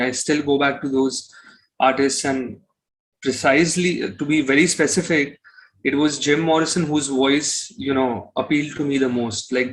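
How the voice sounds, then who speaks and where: A young singer-songwriter with an Indian accent speaks in a mid-range voice as an interview guest, giving casual, reflective explanations. The recording quality is low.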